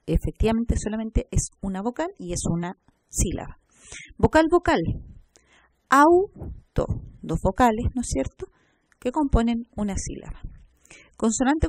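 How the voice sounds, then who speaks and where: Woman teaching slowly, dark dry voice. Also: fairly high pitch, dry recording. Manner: explains step by step, checks with "¿ya?" and "¿no es cierto?"; spells out syllables slowly. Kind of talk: recorded slide lecture.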